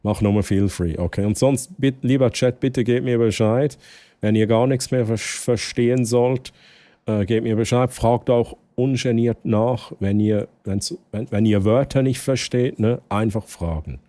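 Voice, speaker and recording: A young man from Switzerland with a Swiss German accent talks casually to his stream chat. His voice is mellow and mid-pitched, recorded dry and close. He gets excitable, breaking into loud high exclamations. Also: a little slow, dry recording.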